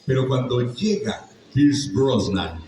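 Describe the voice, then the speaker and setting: A man's voice: medium pitch, lively intonation, slow, darkish tone. Older man, Mexican accent, jokey storyteller, far from the mic, big echoey hall, faint hum. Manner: jokey, chatty, teaching tone. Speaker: voice actor guest on a convention panel. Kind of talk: storytelling to a live audience. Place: large echoey convention hall.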